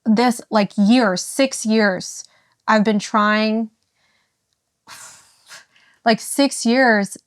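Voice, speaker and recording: Emotional young woman, halting speech. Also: a little high, dry recording, clean studio sound. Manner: halting, emotional, many fillers and restarts. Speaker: podcast guest. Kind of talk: candid personal conversation.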